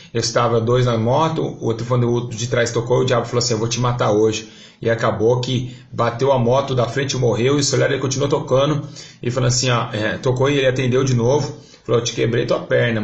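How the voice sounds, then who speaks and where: Brazilian pastor, male, gravelly voice, fervent testimony preaching, dull lo-fi recording. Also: mid-range voice. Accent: Brazilian Portuguese. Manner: fervent storytelling, voice rising in prayer.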